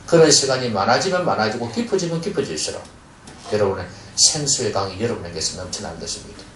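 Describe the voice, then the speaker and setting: A man's voice: lowish voice, fairly bright tone, slight background noise. A male pastor preaching a sermon in a church, earnestly putting questions to the congregation. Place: church sanctuary. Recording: echoey church hall, mic far off.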